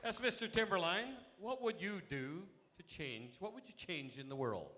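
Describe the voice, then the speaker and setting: A man's voice: high-pitched, animated, moderate pace, bright, forceful tone. A man hosting a pageant, announcing contestants and putting questions to them on stage in an echoey hall with an audience. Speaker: pageant host.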